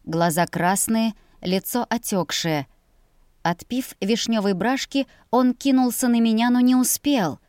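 A woman's voice: fairly high pitch, unhurried, a little mellow, clean tone, no room sound, studio quality. A woman reading a first-person fantasy audiobook as narrator, with a dramatic and emotive delivery.

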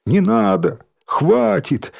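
A man voicing a timid young schoolgirl who speaks in drawn-out, plaintive cries. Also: sits high, expressive, gravelly, a little mellow, pitched above the performer's own voice, full character voice. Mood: frightened.

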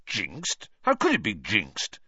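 A man voicing an eager young male sports captain who gets urgent and excitable, recorded a little dull and dry. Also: lowish voice, slow, breathy edge, no room sound, exaggerated voice.

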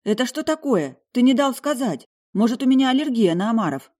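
A woman voicing a feisty young noblewoman who turns loud, shrill and bossy when provoked. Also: lively intonation, a little fast, natural voice. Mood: indignant.

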